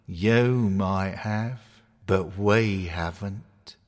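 A man voicing a depressed male teddy bear toy who talks slowly and despondently. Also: sits low, long reverb tail. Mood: glum. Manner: slow, droning and despondent.

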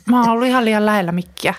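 A woman co-hosting a casual chat podcast from a makeshift home studio, chatty and laughing while she talks softly. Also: fairly high pitch, no echo. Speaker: podcast co-host.

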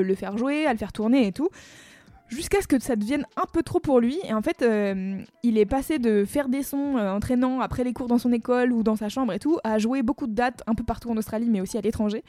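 A woman's voice: fairly high pitch, a little fast, warm tone, no room sound. Chatty French-speaking woman hosting music talk. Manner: chatty and enthusiastic, many fillers. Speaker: music radio host. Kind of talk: casual music chat.

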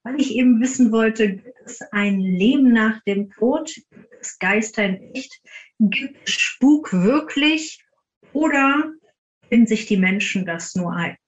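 A woman who founded a team speaks as a podcast guest, answering interview questions conversationally. Her voice is fairly high and animated but slow, and the recording sounds roomy and slightly muffled and dull.

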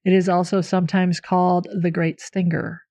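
A woman's voice: lowish voice, level tone, normal speed. A woman hosting a podcast about herbalism, explaining plants and teachers in an informal, talkative way. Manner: warmly explanatory, informal, with fillers. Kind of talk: casual podcast chat.

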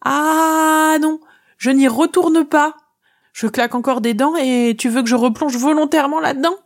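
A woman voicing a spirited young girl adventurer in a children's audio story, high-pitched and easily indignant. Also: quick pace. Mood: protesting.

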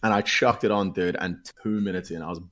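A man's voice: low-pitched, fairly even intonation, fast talker, fairly bright tone. A young man in casual chat, laid-back and slangy, swearing freely.

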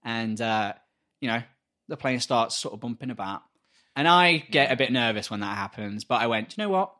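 A man's voice: medium pitch, moderate pace. A man co-hosting a podcast, telling a story in casual, sweary chat and acting out the people in it. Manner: animated, swears freely, acts out voices in anecdotes. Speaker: podcast co-host.

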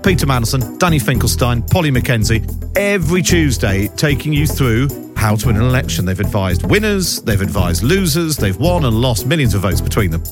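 Man, podcast host, brisk and jokey, soft music underneath. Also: mid-range voice, big pitch swings. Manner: brisk, jokey, laughs often. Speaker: radio presenter. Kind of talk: chatty podcast hosting.

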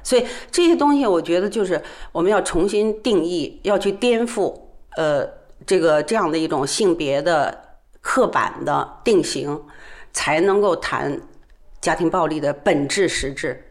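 A woman's voice: lowish voice, expressive, measured pace. A woman who trains people on domestic violence, explaining her views earnestly in an interview, with frequent hesitant fillers.

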